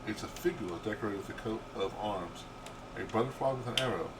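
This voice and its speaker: Older man, low voice, game narration read aloud, halting delivery, clear background noise. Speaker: gamer reading game dialogue aloud. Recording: steady background hum and noise.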